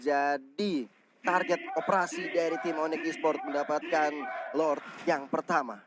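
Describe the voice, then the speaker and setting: A man's voice: on the high side, steady tone, moderate pace. A man with an Indonesian accent giving live analysis and reactions as an esports co-commentator. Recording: noisy live game broadcast.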